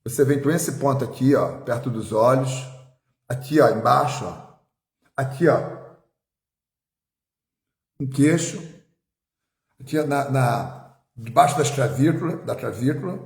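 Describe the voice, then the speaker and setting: A male therapist leading a guided tapping exercise on a live stream, giving calm step-by-step instructions and slowly repeating affirmations. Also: medium pitch, gravelly, echoey room.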